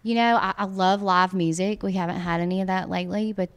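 A woman's voice: mid-range voice, steady tone, fast, clean tone. A woman near forty with a Southern American accent, a wedding photographer chatting casually in an interview, filling her talk with "um" and "you know". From Mississippi. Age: late 30s.

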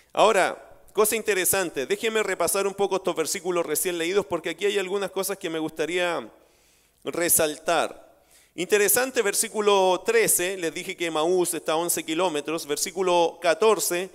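A man's voice: high voice, fairly bright tone, clear, resonant tone. A male pastor preaching a sermon in a church, asking his congregation rhetorical questions and calling them brothers. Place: church sanctuary. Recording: reverberant church hall.

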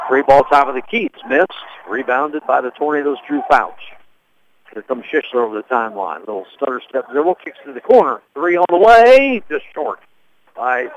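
Radio play-by-play man, brisk calls and read-in ads, phone-thin sound with faint hiss. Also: mid-range voice. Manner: rapid calls with read sponsor spots. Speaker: play-by-play announcer. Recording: tinny phone-like radio broadcast.

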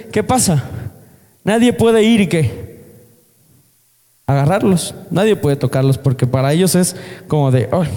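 A man's voice: high-pitched, mellow. A man with a Mexican accent preaching a sermon, earnestly asking the congregation questions. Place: church hall. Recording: long hall reverb.

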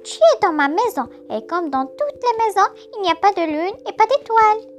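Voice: very high-pitched, sing-song, normal speed, voice pushed up. A storyteller voicing a know-it-all male rabbit who talks in a bossy way, over background music. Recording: music bed behind voice.

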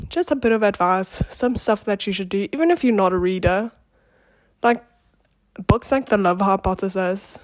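A woman's voice: mid-range voice, a little mellow, no echo, studio quality. A young woman talking casually on her own podcast, rambling and chatty, with lots of "like" fillers and self-deprecating asides. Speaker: podcast host. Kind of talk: casual rambling advice monologue. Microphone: close personal mic, one take.

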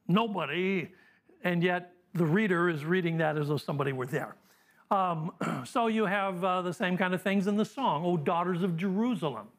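A middle-aged man teaching a Bible class in a relaxed lecture, full of uh and um, with dry humor. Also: high-pitched. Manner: conversational with dry humor and frequent fillers.

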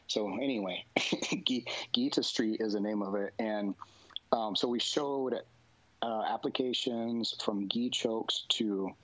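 A man talking casually in a relaxed conversation, rambling with lots of fillers and frequent laughs. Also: lowish voice, unhurried, dry recording. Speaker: jiu-jitsu instructor guest. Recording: dull, dry lo-fi sound.

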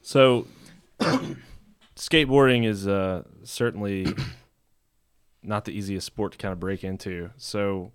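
A man from Alabama hosting a podcast, asking questions in relaxed, casual chat. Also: fairly low pitch, slow, long pauses, clear, resonant tone. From Alabama, USA. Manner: relaxed, laughs along, loose phrasing. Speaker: podcast host.

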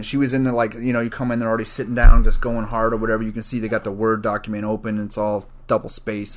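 Man, college student, casual storytelling, rambling, profane, self-correcting, lots of fillers. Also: on the low side. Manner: frequent fillers like "like" and "you know".

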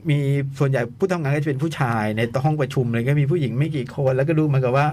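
A man's voice: mid-range voice, very fast, darkish tone, a little hiss or hum. Chatty man retelling a film. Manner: chatty, retells film scenes with acted quotes. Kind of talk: casual movie chat.

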